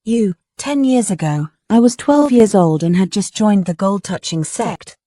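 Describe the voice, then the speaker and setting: A woman narrating a first-person story in a steady storytelling manner, reading the quoted lines in the same voice. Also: medium pitch, unhurried, dry recording.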